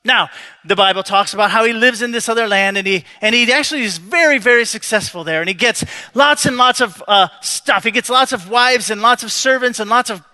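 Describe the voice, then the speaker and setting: A male pastor delivers a sermon like a casual storyteller, joking with the congregation and restarting his sentences often. His voice sits high for a man and sounds bright and forward. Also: fairly quick.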